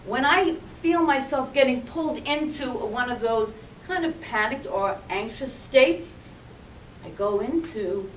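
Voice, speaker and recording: A woman minister giving a sermon, telling a story in a gently reflective way. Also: sits high. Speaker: reverend. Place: spiritual center hall. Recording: echoey room, distant mic, faint noise.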